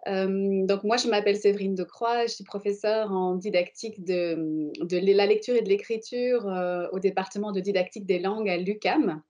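A woman's voice: medium pitch, steady tone, moderate pace, few pauses, a little mellow, dull audio. A woman in her forties from Belgium with a Belgian French accent, introducing herself as a professor on an online panel over a laptop mic, talking fluently with small fillers. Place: home room, indoors. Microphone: laptop webcam mic, video call.

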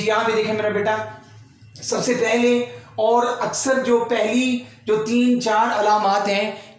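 A man's voice: sits high, a bit bright. A man teaching an online exam-prep lesson, patiently explaining step by step and fondly calling students "son". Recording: heavy room echo.

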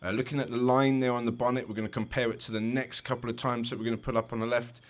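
A man's voice: mid-range voice, flat delivery, fast talker. A man with a London accent, a driving instructor giving chatty, explanatory commentary over driving test footage with light jokes.

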